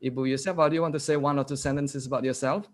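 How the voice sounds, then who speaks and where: A man lecturing to a webinar audience over a video call, in a middle-pitched voice. He keeps turning to his listeners with questions. He reads key statements out slowly and repeats them. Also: fairly even intonation. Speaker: guest lecturer. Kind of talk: interactive online lecture.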